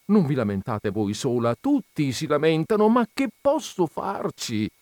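Brief: man voicing a put-upon landlord in a read-aloud story, plaintive, lively pitch, mellow dry voice. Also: measured pace, dry recording. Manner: plaintive, complaining, deferential. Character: harried, deferential landlord, middle-aged man.

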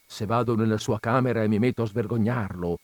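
A man's voice: fairly low pitch, fairly quick, no echo, pitched below the performer's own voice, lightly acted. A man voicing a harried middle-aged landlord who complains plaintively and deferentially.

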